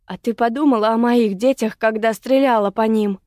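A woman voicing a furious young woman who accuses her rival with sharp bitterness. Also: on the high side, fairly even intonation, moderate pace, dry recording, clean studio sound, close to an everyday voice. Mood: bitter.

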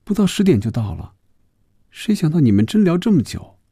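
A shy, tearful young woman speaks softly and hesitantly, her voice lifted well above the man reading her part's own low register. Her delivery is warm and dark despite the raised pitch, heard close and dry as in a storybook radio reading. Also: big pitch swings, brisk, slightly rough, no room sound, exaggerated voice. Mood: shy, wistful.

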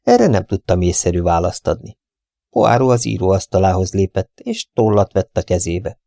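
A man narrating an audiobook in a measured, plain first-person style. His voice is low and gravelly. It is recorded close and dry, with no room sound. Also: lively intonation, dark tone, no room sound. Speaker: audiobook reader. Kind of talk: scripted narration.

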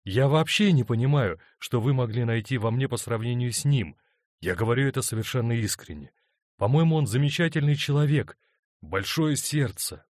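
A man's voice: medium pitch, expressive, moderate pace, dry recording, clean studio sound, voice pushed up, natural voice. A man voicing an impatient, stubborn young man in love, speaking insistently.

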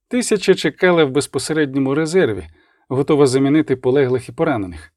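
A man's voice: on the high side, a little mellow, no echo, studio quality. A man narrating an audiobook with expression, giving the characters' lines rising intensity. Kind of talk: dramatic audiobook reading.

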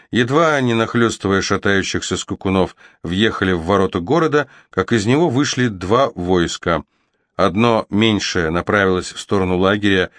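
A man narrates a fantasy novel at a steady, even pace of storytelling. His voice is somewhat low, and the recording is dry and close, with no room sound. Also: no room sound. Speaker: audiobook narrator.

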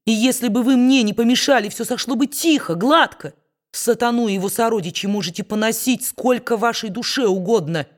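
A woman's voice: fairly high pitch, fairly quick, pitched above the performer's own voice, close to an everyday voice. A woman reading a storybook and voicing a good-natured young man who protests frankly. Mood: indignant.

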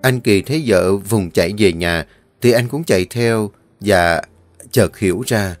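A man narrating a dramatic audio story in a steady, earnest storytelling voice. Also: lowish voice, unhurried, dry recording. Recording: dry close voice, faint music.

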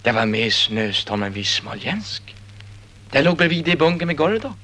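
A man's voice: on the high side, sing-song, pushed and bright, heavily acted. A man voicing a relentless optimist inner voice. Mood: exultant. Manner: insistent, rising to ecstatic declarations. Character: relentless male inner voice, pushy eternal optimist. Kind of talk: radio play acting.

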